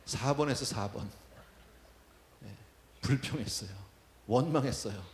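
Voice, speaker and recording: A man's voice: mid-range voice, reverberant. A man preaching a sermon, talking in a conversational way and asking the congregation questions. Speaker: pastor. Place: church.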